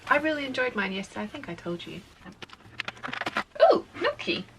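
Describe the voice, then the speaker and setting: A chatty woman with a slightly high voice talks at home with her parents, giggling and tripping over her words. The recording has a clear wash of background noise throughout. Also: wildly swooping pitch, moderate pace. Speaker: vlogger. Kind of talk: casual family vlog chat.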